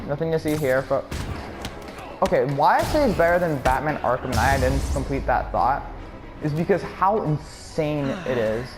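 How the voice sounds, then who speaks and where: A man giving excited, rambling commentary while playing a video game, often restarting sentences and laughing. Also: on the high side, normal speed, over music. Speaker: gaming YouTuber. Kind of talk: gameplay commentary.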